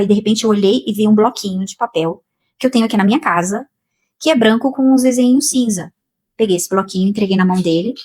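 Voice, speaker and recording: A Brazilian woman slowly and emotionally telling a personal spiritual testimony, with many repetitions. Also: medium pitch, darkish tone, slightly rough. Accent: Brazilian Portuguese. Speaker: spiritual channel host.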